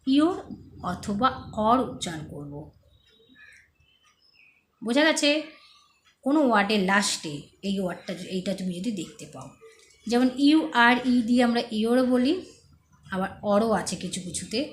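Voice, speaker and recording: A woman gives a pronunciation lesson in a fairly high voice, patiently spelling out each word letter by letter before saying it. She repeats words slowly and checks that her students understand. The room adds a noticeable echo. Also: slight background noise. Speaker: English pronunciation teacher.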